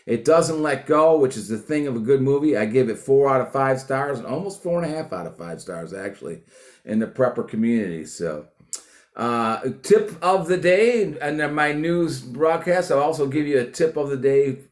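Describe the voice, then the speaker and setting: A man from the United States hosting a casual news and opinion monologue for preppers, halting as he repeats and rephrases himself. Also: mid-range voice, expressive, roomy sound. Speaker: host of a prepper news channel.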